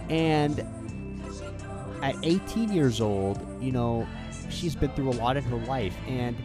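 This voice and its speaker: Casting: male podcast host, mid-pitched, informal and excitable, speaking over music. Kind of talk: casual podcast intro and interview.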